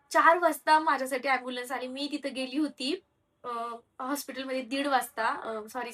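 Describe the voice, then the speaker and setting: Young woman vlogger, candid and rambling, bright tone, distant mic. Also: sits high. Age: young adult. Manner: candid, rambling, with frequent hesitations and restarts. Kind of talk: personal storytelling to viewers.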